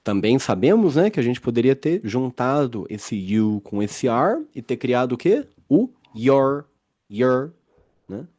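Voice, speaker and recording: Patient low-voiced man teaching English grammar. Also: very animated, mellow. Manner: explains patiently, reads example sentences slowly; frequent "né?" checks with students. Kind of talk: recorded grammar lesson.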